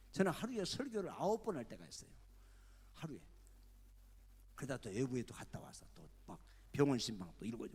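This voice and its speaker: Husky, animated older male pastor. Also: fairly high pitch. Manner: lively storytelling, acting out the people in his stories. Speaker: retired senior pastor. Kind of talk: sermon. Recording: long church-hall reverb.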